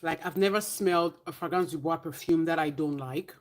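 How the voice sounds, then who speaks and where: A woman vlogger chatting casually to camera about perfume, candid and animated, with playful asides and the odd whisper. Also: sits low, a little fast.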